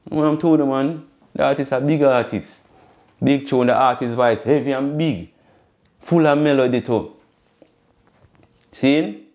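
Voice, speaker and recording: A man with a Jamaican accent hosting a casual commentary monologue, speaking emphatically in patois and often checking in with a quick "see?". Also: mid-range voice, darkish tone. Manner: keeps tagging points with a questioning "see?"; emphatic, loose storytelling in patois. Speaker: host.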